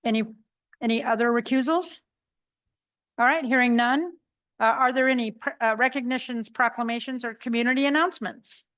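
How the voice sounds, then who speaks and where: A woman acting as chair of a formal council meeting, running procedure in a brisk, businesslike way. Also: a little high, fairly bright tone, highs cut off.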